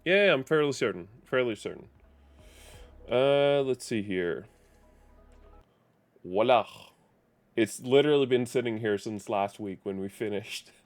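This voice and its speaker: A man's voice: mid-range voice, lively intonation, unhurried, long pauses. A man live-streaming a video game, chatting casually in a rambling, self-correcting way.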